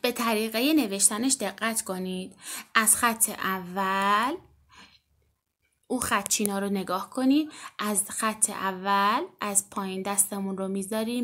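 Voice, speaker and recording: A woman teaching an alphabet lesson to children, gently and encouragingly, stretching out example words slowly and clearly. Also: mid-range voice. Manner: slow, drawn-out, clearly enunciated example words.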